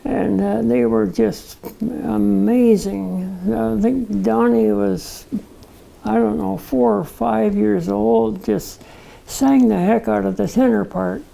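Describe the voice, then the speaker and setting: A man in his eighties, a retired barbershop tenor, reminiscing in an interview with many pauses and "uh"s. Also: sits high, fairly even intonation, dark tone, rough recording. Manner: gravelly, unhurried storyteller with many "uh" pauses.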